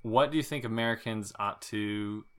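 A man's voice: lowish voice, moderate pace, a bit bright, smooth. A man co-hosting a podcast, joking around and asking long, rambling questions. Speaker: podcast co-host. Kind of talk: casual podcast chat.

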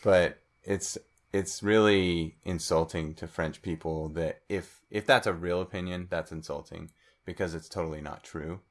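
Very deep-voiced man, relaxed guest. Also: moderate pace. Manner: thoughtful, with frequent fillers and restarts; speaks some French. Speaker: podcast guest. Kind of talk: casual interview chat.

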